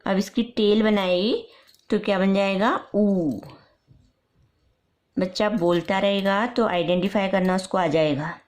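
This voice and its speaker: A woman teaching young children's letter sounds step by step for parents, repeating each sound slowly. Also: mid-range voice, a little mellow. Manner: slow, repetitive, drawn-out letter sounds. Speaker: nursery teacher.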